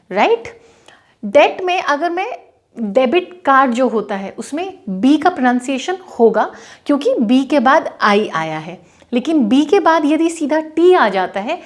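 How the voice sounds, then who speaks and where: A young woman from India teaching English pronunciation in a video lesson, explaining patiently step by step and checking that her students follow. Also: high-pitched. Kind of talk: classroom-style video lesson.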